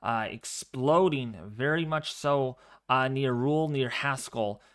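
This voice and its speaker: On his live severe weather broadcast, this male host comments and chats with the audience in a calm, rather flat tone. His mid-range voice is soft but distinct, and he takes things slowly.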